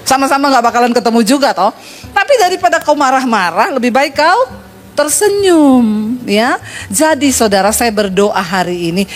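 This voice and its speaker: A woman pastor preaching a sermon, telling humorous stories and speaking straight to her congregation. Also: fairly high pitch. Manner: humorous storytelling, addresses congregation.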